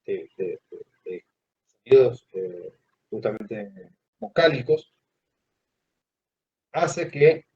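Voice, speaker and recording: A man teaches a class, his voice dark and a little husky. He checks in with the students through questions and leaves phrases hanging. The sound is dull and lo-fi, like a classroom recording. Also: on the low side, big pitch swings. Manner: asks the class questions, pauses mid-phrase. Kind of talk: classroom lecture.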